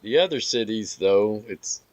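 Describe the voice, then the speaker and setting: A man giving relaxed, rambling commentary over his gameplay, with filler words and some hiccups. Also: fairly low pitch, measured pace, no echo, highs cut off. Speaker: gaming video creator.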